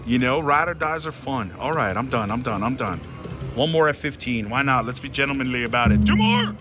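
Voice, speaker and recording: A man giving casual, excited, theatrical commentary as he gambles, repeating phrases pleadingly and addressing his viewers. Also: mid-range voice, a little fast. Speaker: slot machine gambling vlogger. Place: busy casino floor at a slot machine. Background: slot machine music.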